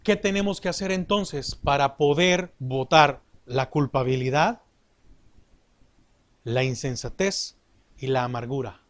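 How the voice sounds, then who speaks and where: A middle-aged man preaching a sermon in a slow, deliberate way, asking the congregation rhetorical questions. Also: medium pitch.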